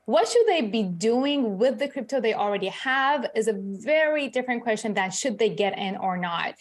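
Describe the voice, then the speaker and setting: A woman's voice: on the high side, expressive, moderate pace. A middle-aged woman born in Iran, a crypto author and CEO, answering in a live news interview in a chatty way, with lots of fillers.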